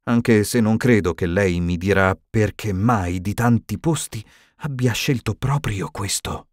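A man voicing a stern elderly female professor in an audiobook, higher and tremulous, shaken and indignant. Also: measured pace, no room sound, studio quality, natural voice.

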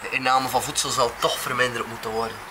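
Guy w average pitch, jokey casual banter, bit of english, noisy outside. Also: little pitch movement, fast. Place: outdoors. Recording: noisy outdoor recording with vehicle sounds.

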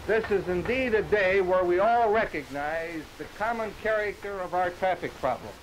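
A man's voice: high-pitched, moderate pace. Earnest man on crackly old newsreel. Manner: earnest, dignified public address. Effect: old 1950s newsreel audio with hiss. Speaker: official speaking at a public ceremony. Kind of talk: formal ceremonial speech.

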